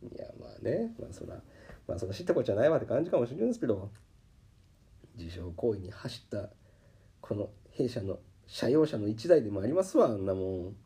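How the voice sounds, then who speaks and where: A man hosting a podcast and speaking with a Kansai accent. His voice is low and very dark. He tells his story with a lively, swooping pitch and slips into the voices of the people he quotes. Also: brisk. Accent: Kansai Japanese. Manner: animated, acts out quoted voices. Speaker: podcast host. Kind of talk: casual storytelling monologue. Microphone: podcast microphone.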